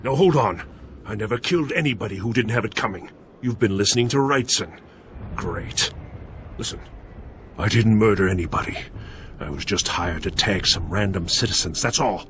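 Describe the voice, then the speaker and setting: A man voicing a wary male bounty hunter, defensive and gruff as he talks his way out of trouble. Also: fairly low pitch, normal speed, a bit bright, a little hiss or hum, close to an everyday voice.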